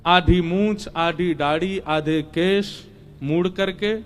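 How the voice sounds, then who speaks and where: A man's voice: high voice, fairly even intonation, slow, soft background music. A man narrating a devotional story sermon with dramatic emphasis, acting out the characters as he goes. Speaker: religious storyteller.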